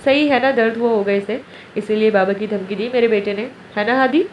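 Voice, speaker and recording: A woman narrator voicing an indulgent father who speaks tenderly and teases gently, recorded distant in a roomy space. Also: high-pitched, natural voice. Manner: tender, coaxing. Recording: roomy, distant, dull, faint hiss.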